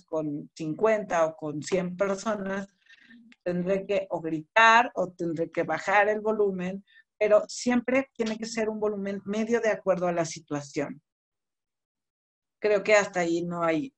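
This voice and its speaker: A middle-aged woman with a Mexican accent, teaching public speaking in an online class over a computer mic, conversational and explaining with spoken examples. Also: mid-range voice. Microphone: computer mic on a video call.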